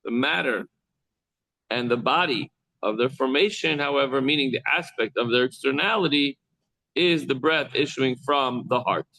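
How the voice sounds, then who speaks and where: A man teaching a text class as a rabbi, reading lines and explaining them slowly, pausing to demonstrate sounds and speak to students in the room. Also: mid-range voice, sharp tone, dry recording, poor audio.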